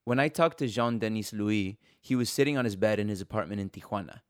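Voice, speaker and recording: A man reporting and hosting, telling a documentary story in a steady, earnest way. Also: on the low side, fast, clean tone, dry recording, clean studio sound. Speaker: podcast reporter and host. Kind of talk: documentary podcast narration.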